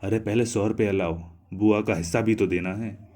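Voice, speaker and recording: A man voicing a grasping, sharp-tongued housewife who grumbles and gossips. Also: very deep voice, fairly even intonation, moderate pace. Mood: grumbling.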